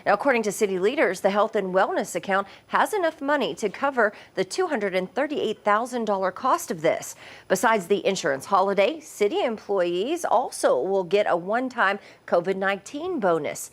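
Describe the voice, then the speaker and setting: A woman's voice: mid-range voice, animated, normal speed. Give me a woman anchoring local TV news.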